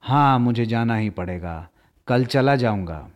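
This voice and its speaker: A man voicing a poor, gentle old toymaker who speaks quietly and sadly in a storybook reading. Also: mid-range voice, expressive, voice pushed down, natural voice. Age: older. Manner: quiet, soft and slow.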